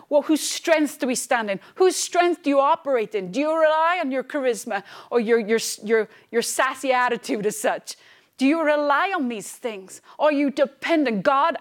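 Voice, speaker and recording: Fervent woman preaching. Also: sits high. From Wales. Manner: fervent and emphatic, repeats phrases. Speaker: pastor. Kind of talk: sermon.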